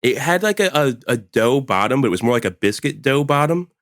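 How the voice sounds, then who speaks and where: A man in his forties co-hosts a podcast, chatting casually, laughing often and leaning heavily on "like" as a filler. His mid-range voice is animated and brisk, recorded at studio quality with no echo.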